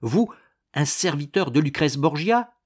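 A man's voice: medium pitch, sing-song, a little slow. A man voicing a fierce young chevalier who speaks in a commanding, menacing way, raising his voice above the narration. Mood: urgent. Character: fierce young male chevalier, threatening and impetuous.

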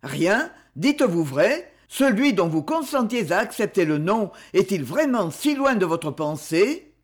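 A scheming man who begs softly and then threatens with controlled coldness, as a woman reading the novel voices him. The delivery is slow and measured, with a lively, swinging pitch. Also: breathy edge. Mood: pleading. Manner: pleading, ironic, restrained menace.

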